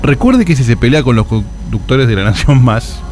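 Man playing a pompous Argentine horoscope guru, animated delivery. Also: medium pitch, soft background music, lightly acted. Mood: mock solemn. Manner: mock-solemn, formal address, halting when flustered. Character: pompous, touchy male ontological coach and horoscope guru. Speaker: comedian on a radio show. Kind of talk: comic radio horoscope segment.

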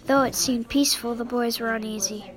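Give me a woman teacher reading a children's book aloud, steady and expressive, with a higher voice. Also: fairly quick, a crowd in the background, rough recording.

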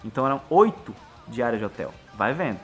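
A Brazilian man, a musician guest on a podcast, talking casually and fast, acting out little bits of dialogue as he explains. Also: mid-range voice, soft background music. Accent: Brazilian Portuguese. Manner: fast, animated, acts out dialogue.

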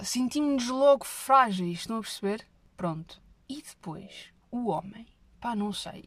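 A young woman with a European Portuguese accent, telling comic stories straight to her viewers in an animated, exaggerated way. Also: medium pitch, dry recording. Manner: animated, exaggerated storytelling, dropping her voice for asides.

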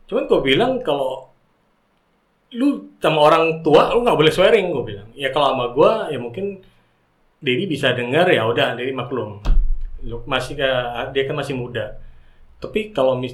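Roomy, distant middle-aged man chatting informally. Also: mid-range voice. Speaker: podcast guest. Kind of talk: casual chat. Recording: roomy echo, distant from mic.

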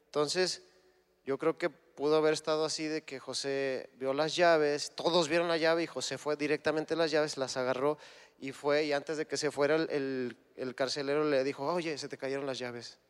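A man's voice: fairly high pitch, fairly even intonation, moderate pace, clean tone, big-room sound. A man giving a conversational sermon, retelling scripture and acting out imagined dialogue. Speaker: guest preacher.

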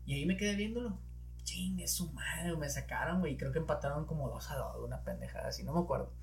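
A man's voice: on the high side, fast, gravelly, slight background noise. A young man with a northern Mexican accent from Monterrey, telling stories in a casual chat and swearing freely. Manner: slangy, swears freely, excitable storytelling.

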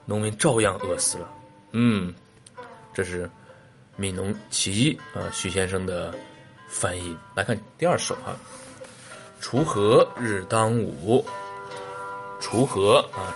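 A man teaching a lesson, patiently explaining translations, asking questions and spelling out words letter by letter. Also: lowish voice. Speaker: English teacher.

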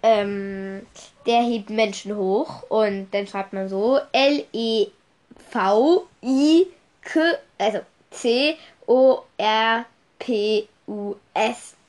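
A young woman with a stuffy nose from a cold speaks in a mid-range, slightly mellow voice, extremely slowly. Hosting her solo podcast, she chats casually and rambles through her notes, spelling words out letter by letter.

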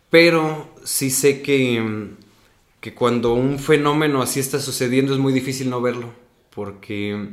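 A man's voice: mid-range voice, roomy sound. A young man with a Mexican accent, telling his acting story in a casual interview, ending many phrases with "¿no?". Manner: animated storyteller, tags sentences with "¿no?".

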